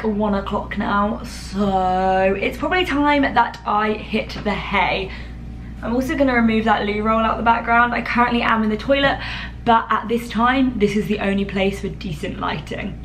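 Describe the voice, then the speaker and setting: A woman's voice: on the high side, moderate pace, fairly bright tone, a little hiss or hum. A young woman chatting casually to camera in a vlog, self-deprecating and friendly. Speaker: vlogger. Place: small bathroom at night.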